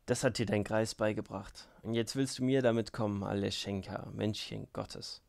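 A man's voice: fairly low pitch, flat delivery, moderate pace, gravelly, darkish tone, dry recording. A man reading a spiteful, mocking young man in an audiobook. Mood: sneering. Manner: sneering.

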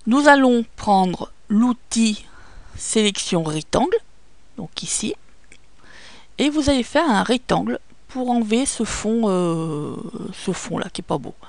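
A woman with a French accent guiding viewers step by step through photo editing software, patient and hesitant, with many fillers. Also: medium pitch, animated, slow pace, dry recording. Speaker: software tutorial presenter. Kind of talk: screen-recorded photo editing tutorial.

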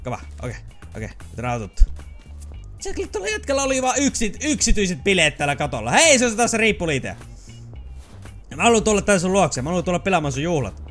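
A man giving casual, excitable commentary while playing a video game, swearing, yelping and slipping into English phrases. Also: high voice, soft background music. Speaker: let's play gamer.

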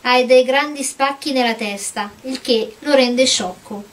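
A woman reading aloud and voicing a delicate, proud young porcelain princess in a storybook, with a high, breathless, pleading voice. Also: unhurried. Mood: prim, wistful.

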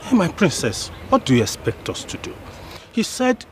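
An actor playing an evasive palace elder placating a princess. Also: male voice, on the high side, wildly swooping pitch, normal speed, slight background noise.

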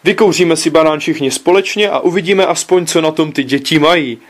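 A male narrator puts on a fussy, suspicious father who keeps flaring into indignant shouts. The voice pitches up and grows loud and insistent. It is part of a humorous storybook reading. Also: lightly acted. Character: excitable suspicious middle-aged father, man.

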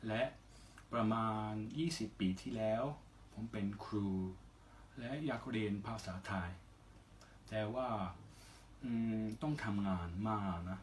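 Foreigner speaking careful, halting Thai, male. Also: lowish voice, a little hiss or hum. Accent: foreign (Western) accent in Thai. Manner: careful non-native Thai in short halting phrases with polite particles. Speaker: interview guest, singer. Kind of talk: casual interview answers.

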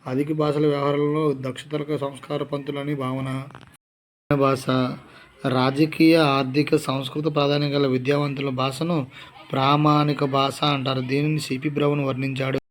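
A male exam prep teacher with a mid-range voice reads Telugu dialect study notes aloud at normal speed and in a level tone. He lists word forms one at a time, restarting and correcting himself as he goes. There's a little hiss or hum in the audio.

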